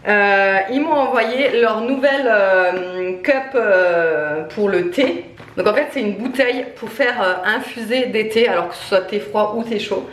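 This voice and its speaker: A woman's voice: mid-range voice, unhurried, echoey room, a little hiss or hum. A woman in her thirties from France, a family vlogger chatting at home to camera, full of hesitant fillers and worn out. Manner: chatty, lots of hesitant "euh" fillers, says she is tired. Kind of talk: casual chat to camera, product presentation. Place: at home, indoor room.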